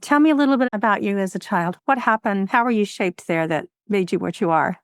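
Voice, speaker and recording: A woman hosting an interview podcast, enthusiastic and quick to laugh, reading a guest introduction and asking questions. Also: medium pitch, clean tone, no echo, studio quality. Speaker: podcast host.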